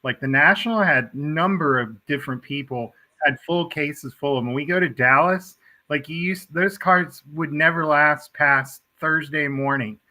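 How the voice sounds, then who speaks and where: Man, casual podcast talk, very bright tense voice, loose fillers. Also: on the high side, moderate pace, few pauses, low-quality recording. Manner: conversational, filler-heavy, stumbles and restarts. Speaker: podcast co-host. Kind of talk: casual chat.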